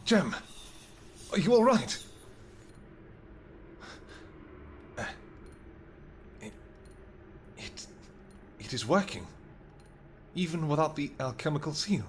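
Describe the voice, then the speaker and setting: Gentle and puzzled, a man portrays a tender, protective vampire king in a roleplay audio drama, speaking formally, earnestly and in halting phrases. His voice is a little high with big pitch swings, and there's a little hiss or hum.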